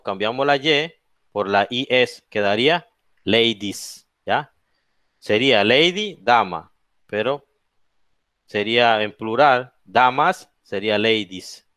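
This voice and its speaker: A man's voice: medium pitch, bright, forceful tone, no echo. A man teaching English grammar to a class, explaining each rule in English and then in Spanish, often checking understanding with "okay?". He has a Latin American Spanish accent. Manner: slow, drawn-out spelling of letters and example words. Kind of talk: bilingual classroom lesson.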